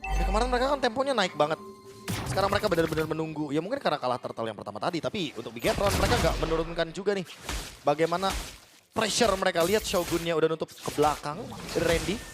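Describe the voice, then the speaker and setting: A man's voice: on the high side, lively intonation, quick pace. A man with an Indonesian accent giving analytical commentary on an esports match. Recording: loud music behind the voice. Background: loud music.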